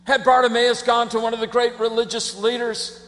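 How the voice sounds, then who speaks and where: High-voiced preacher in a reverberant hall. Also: male voice, completely flat delivery, moderate pace. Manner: dramatic, swinging between hushed and shouted. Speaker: pastor. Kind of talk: sermon.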